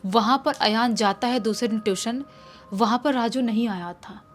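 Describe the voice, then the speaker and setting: A woman's voice: a little high, moderate pace, faint music behind. A woman telling a horror story in a casual, conversational way, with restarts and repetitions.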